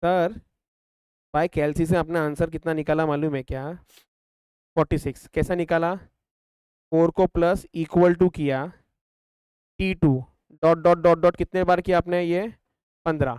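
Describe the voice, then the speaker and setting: A young Indian man runs a math class in a fairly high, smooth, darkish voice with little pitch movement, speaking a little slowly and pausing often. He quizzes his students and answers for them, counting off calculator steps aloud, and the recording is close and dry.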